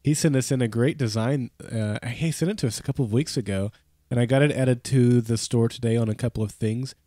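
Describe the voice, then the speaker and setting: A man's voice: mid-range voice, brisk, dark tone, no echo, clean studio sound. A man in his thirties with a nasal, stuffy voice from a head cold, hosting a casual podcast chat and rambling with frequent restarts. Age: 30s. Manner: rambling, self-correcting, chuckles often. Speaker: podcast host.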